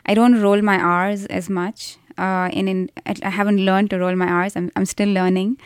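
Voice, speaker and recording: Indian woman, smooth clear voice, thoughtful guest in an interview, dry close sound. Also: mid-range voice, level tone, moderate pace, no echo. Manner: thoughtful, explanatory, with frequent restarts and hedges. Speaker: interview guest, researcher of call centers. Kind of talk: conversational interview.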